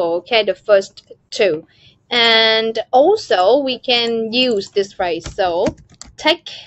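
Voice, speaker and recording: A woman's voice: mid-range voice, a bit bright. A woman with a Vietnamese accent teaching an online class, calling on students by name and explaining phrases. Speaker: English teacher. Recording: dull, lo-fi, dry call audio.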